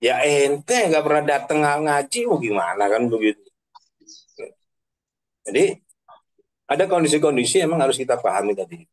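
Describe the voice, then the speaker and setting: A man's voice: fairly high pitch, sing-song, moderate pace, pauses often, poor audio. A man giving a casual online religious talk as a preacher. He speaks in slangy everyday phrasing, tags his sentences with filler questions and laughs at his own examples. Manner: chatty, tags sentences with 'kan begitu'. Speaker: Islamic preacher.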